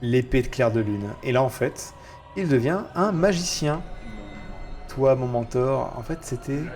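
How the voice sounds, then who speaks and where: A French man casually commenting on a video game he is streaming, chatty and excitable. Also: mid-range voice, unhurried, faint music behind. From France. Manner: chatty, excitable, swears at setbacks.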